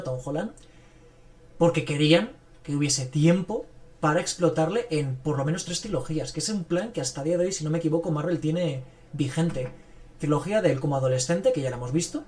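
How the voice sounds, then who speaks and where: A man with a fairly high, slightly mellow voice hosts a podcast about films. His talk is casual and enthusiastic, meandering along with frequent filler words.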